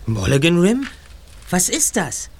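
An actor playing a clever teenage detective in a German radio drama, asking calm, coaxing questions. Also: male voice, high-pitched, measured pace, husky, exaggerated voice. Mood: inquiring. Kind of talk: German radio-play acting.

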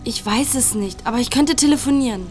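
An actress playing a shy, tearful young woman in a German radio drama, talking softly and hesitantly. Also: a little high, a little fast, soft background music, lightly acted. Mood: pleading. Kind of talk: German radio-play acting.

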